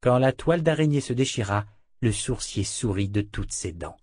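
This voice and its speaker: A man narrating a fantasy audiobook in a measured, even reading. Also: mid-range voice, husky, no room sound, clean studio sound.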